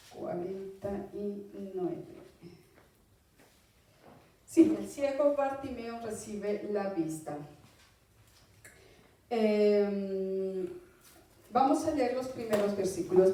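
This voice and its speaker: A woman preaching a Bible teaching sermon in a conversational tone, often asking listeners "right?" and pausing on fillers. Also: a little high, warm tone. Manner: conversational, often asks "¿verdad?", hesitant fillers. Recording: echoey room, voice from far off.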